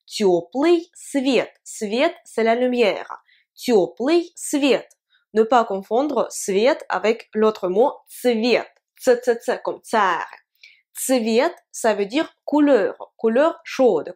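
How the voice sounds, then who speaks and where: A woman with Russian as her first language, teaching a lesson in French and repeating example words slowly and carefully. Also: fairly high pitch, a little mellow.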